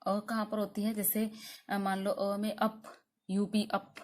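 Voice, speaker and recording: A woman's voice: mid-range voice, monotone. Hindi-speaking woman teaching pronunciation. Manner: explains step by step, often asks and answers her own questions; drills sounds slowly with frequent 'theek hai' checks. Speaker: spoken English teacher. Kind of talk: classroom lesson.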